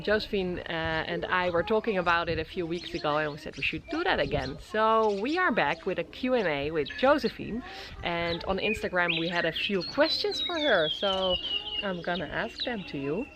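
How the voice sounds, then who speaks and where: Outdoors at a tented safari camp, a mother in her thirties who vlogs chats casually with her child for the family channel. She's Dutch and speaks English with a Dutch accent in a lowish voice, questioning gently and encouragingly with soft fillers. Birds sing in the background.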